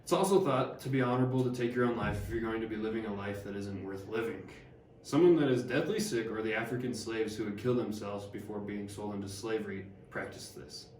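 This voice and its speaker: A man's voice: on the low side, brisk, darkish tone, slight background noise, lightly acted. A young man playing Harriet Martineau, a learned older woman, reading lines plainly with small stumbles. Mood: measured. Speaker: student actor. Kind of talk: amateur class skit read from script. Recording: echoey room, distant mic.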